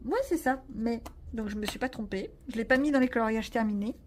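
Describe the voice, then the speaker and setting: A woman's voice: a little high, a little fast, darkish tone, a little hiss or hum. Chatty, self-mocking woman. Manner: chatty, rambling, self-mocking, many fillers. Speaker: vlogger showing her coloring pages. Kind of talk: casual chat.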